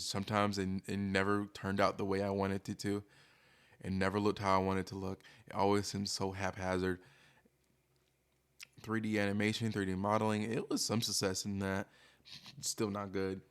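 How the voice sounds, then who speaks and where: A man's voice: sits low, monotone, normal speed, a bit bright, smooth. A man streamer talking casually and candidly in a rambling, hesitant, self-deprecating monologue, as if thinking aloud.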